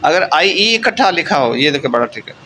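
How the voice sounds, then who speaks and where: A man gives an online German lesson with a bright, clear tone, drawing out words slowly and pausing often to check that students follow. Faint traffic hums in the background. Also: a little high, big pitch swings, low-quality recording. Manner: slow, drawn-out explaining with frequent "theek hai" check-ins. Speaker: German teacher.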